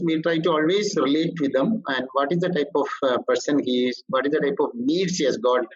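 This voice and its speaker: Halting man giving a workshop lecture. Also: high-pitched, fairly bright tone, husky, highs cut off. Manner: halting, explanatory, frequent restarts. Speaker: corporate trainer.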